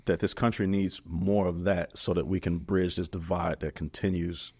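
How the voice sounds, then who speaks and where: A man's voice: deep voice, level tone, normal speed, darkish tone, breathy edge. A man hosting a podcast, speaking in an earnest and reflective way in a casual interview. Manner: earnest, reflective, calls the guest brother. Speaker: podcast host.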